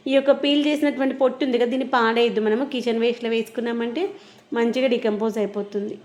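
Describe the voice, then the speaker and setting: Fast-talking, high-pitched woman. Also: fairly even intonation, darkish tone. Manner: explanatory, conversational. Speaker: vlogger and mother. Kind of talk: casual chat to viewers.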